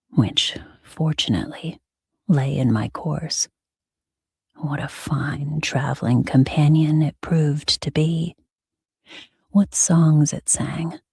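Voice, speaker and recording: A woman reading as a sleep story narrator in a hushed, soothing, breathy ASMR whisper with soft pauses. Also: low-pitched, no echo, studio quality.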